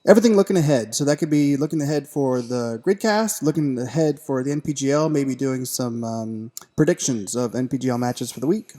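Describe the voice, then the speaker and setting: Mellow-voiced enthusiastic podcast co-host man. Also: medium pitch, brisk, hardly any pauses. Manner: enthusiastic, jokey, many fillers. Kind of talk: casual podcast chat.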